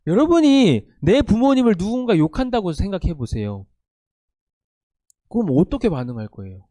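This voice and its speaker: A man preaching a sermon to a youth group, animated and conversational, often asking his listeners questions. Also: high-pitched, normal speed, no room sound. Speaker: youth pastor.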